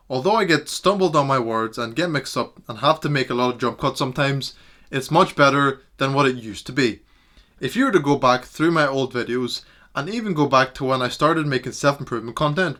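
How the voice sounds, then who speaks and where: A man's voice: mid-range voice, bright, forceful tone. A young man talking earnestly to camera in a reflective self-improvement vlog.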